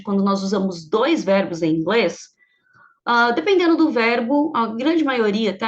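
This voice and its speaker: A woman whose first language is Portuguese teaches an online English grammar lesson, walking through each rule step by step and often pausing to check the class follows. Her voice sits a little high. The recording is slightly dull and lo-fi.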